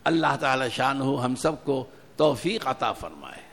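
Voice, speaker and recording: A man's voice: mid-range voice, sing-song, gravelly, fairly bright tone. A man giving an earnest, exhortative sermon to a gathering, repeating his key points. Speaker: religious preacher. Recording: reverberant hall with faint ambient noise.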